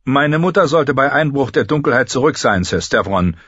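A man voicing a calm, firm young knight, in an audiobook reading. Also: mid-range voice, moderate pace, breathy edge, no echo, lo-fi sound, voice pushed up.

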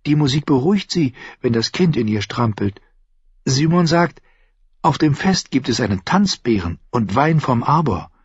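A man's voice: mid-range voice, big pitch swings, moderate pace, slightly rough, no echo, pitched above the performer's own voice. A man doing an eager, wheedling young woman. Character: young woman, eager, childish, pleading lover. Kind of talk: audiobook character voice. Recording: dull lo-fi dry recording.

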